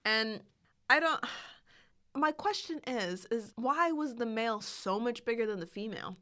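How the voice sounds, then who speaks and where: Woman, podcast co-host, higher voice, bright, playful casual chat. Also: expressive, a little slow. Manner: playful, acts out quotes, swears casually. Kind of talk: casual film-review chat.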